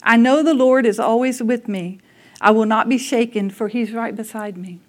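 Brief: woman, conversational sermon, candid storytelling, voice a touch high. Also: moderate pace. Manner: conversational, candid, laughs at herself. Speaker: speaker at a church service. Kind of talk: sermon with personal stories.

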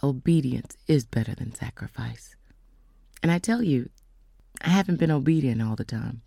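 Woman, faith testimony, gravelly, dark and mellow, dry close sound, storytelling with whispered emphasis. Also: rumbling low, animated, no room sound. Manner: storytelling, acts out quoted voices; slows down for emphasis, drops to whispers. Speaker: speaker giving a testimony.

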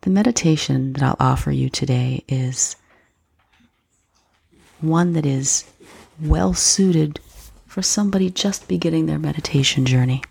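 A woman guiding a slow breath-counting meditation in a soft, gentle, breathy voice with unhurried pauses. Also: deep voice. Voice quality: soft, breathy, husky, often near whisper. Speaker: meditation guide.

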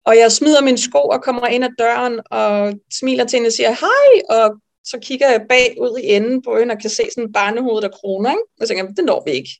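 A woman midwife telling a personal story in an interview, lively and animated, with frequent fillers. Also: a little high, vocal fry, few pauses. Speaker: midwife guest.

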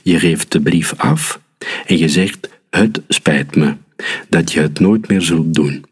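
A man's voice: low voice, takes it slowly, husky, in a large hall, full character voice. A man voicing a stern, angry mother in a storybook reading.

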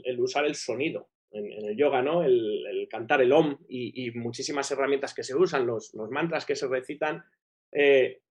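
A man with a broken, operated nose and a nasal dilator, explaining things enthusiastically as an interview guest, often checking in with tag questions. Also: mid-range voice. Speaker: guest breathing coach.

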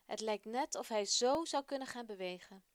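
A woman voicing a curious, eager Israelite boy in a children's radio story, asking lively questions. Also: on the high side, moderate pace, no echo, clean studio sound, close to an everyday voice. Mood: earnest.

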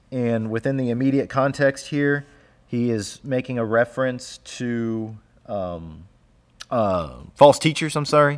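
A young man with a Southern US drawl co-hosts a relaxed faith conversation. He talks with animated energy, laughs easily, and often restarts his phrases. His voice sits at a middle pitch. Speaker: podcast co-host, church leader. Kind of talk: casual faith discussion, reading scripture aloud.

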